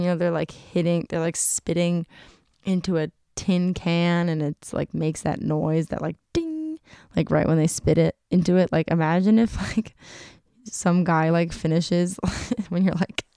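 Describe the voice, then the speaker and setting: A young woman in casual vlog chat, her lowish voice full of vocal fry and giggles. Her tone is mellow and warm, and she drops "like" into nearly every sentence. The sound is dry and close, with no room around it. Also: little pitch movement, moderate pace, no room sound. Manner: chatty, giggly, full of filler "like". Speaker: YouTuber.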